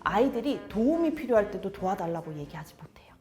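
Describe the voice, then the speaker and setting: Lively woman giving parenting advice. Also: medium pitch, fast talker. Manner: animated, acts out quotes of parents and children. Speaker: sex education instructor. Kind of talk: expert advice talk for parents.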